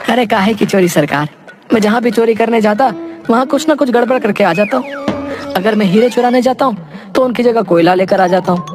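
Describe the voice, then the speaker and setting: A voice actor playing a dim-witted, soft-hearted male apprentice thief who pleads and whines to his boss in a cartoon. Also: medium pitch, voice pushed up, natural voice. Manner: pleading, whiny, humble, calls the boss sir. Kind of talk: cartoon voice acting.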